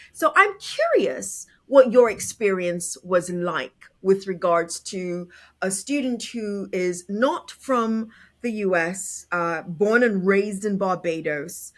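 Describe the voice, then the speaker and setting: This is a woman host guiding an interview with an expressive, emphatic delivery. She restarts phrases as she builds her questions and keeps the conversation moving. Her voice sits in an ordinary middle range for a woman. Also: medium pitch. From raised in England and Africa. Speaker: podcast host.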